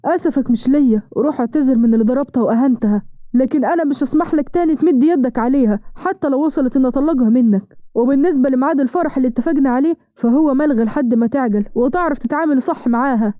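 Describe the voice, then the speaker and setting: A stern, protective older uncle with an Egyptian accent, read by a woman, reproachful and firm. The voice is high and very dark, and it is delivered very fast in a dry, close recording. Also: dry recording, lightly acted.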